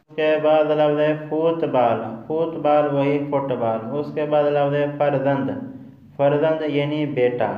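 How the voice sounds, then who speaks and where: A man teaching a vocabulary lesson, repeating each word and its meaning twice and quizzing the listener as he goes. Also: fairly high pitch. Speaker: language teacher. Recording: echoey room, dull lo-fi sound.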